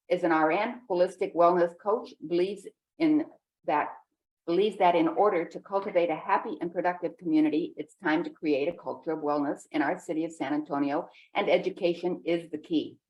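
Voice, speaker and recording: A woman hosting a podcast, reading a guest introduction, then chatting in a slightly halting way. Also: lowish voice, a little mellow, low-quality recording. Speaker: podcast host. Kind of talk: podcast intro and casual interview.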